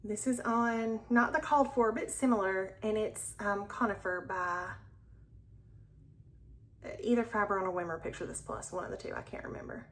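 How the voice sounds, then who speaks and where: A woman hosting a cross-stitch channel, from Alabama, US, chats casually about her projects with enthusiasm, at moments dropping to a near whisper. She speaks at normal speed in a mid-range voice, with a little hiss or hum in the recording.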